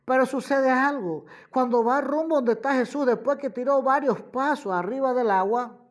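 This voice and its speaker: A woman preaching a sermon, slow and emphatic, repeating key phrases and addressing her listeners as brother and friend listener. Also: sits high. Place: radio program.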